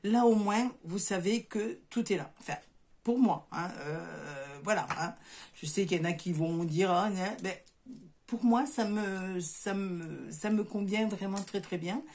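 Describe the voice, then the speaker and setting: Speaking at a measured pace in a medium-pitched, darkish voice, a middle-aged woman from southern France vlogs about crafts from her indoor home workshop. She chats casually to camera in a southern French accent, hesitating often with lots of fillers and restarts.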